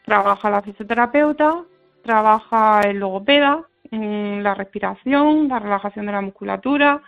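A woman's voice: medium pitch, vocal fry, faint music behind. Woman speech therapist on a phone line. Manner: measured, explanatory, with thoughtful pauses. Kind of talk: radio interview answers.

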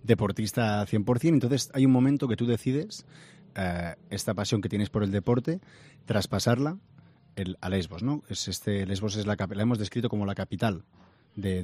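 A man's voice: lowish voice, a little fast, mellow, husky. A man with a Catalan accent, chatting and asking questions as an interviewer. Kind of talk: conversational radio interview.

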